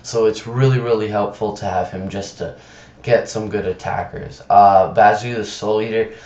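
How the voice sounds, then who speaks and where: Low-voiced man, halting, with a sore tongue. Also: fairly even intonation, a little mellow. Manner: halting, stumbles over words and names. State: sick, with a sore tongue and throat. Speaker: presenter of card game videos. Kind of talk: casual deck profile commentary over screen recording. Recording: dull, roomy low-fi computer mic.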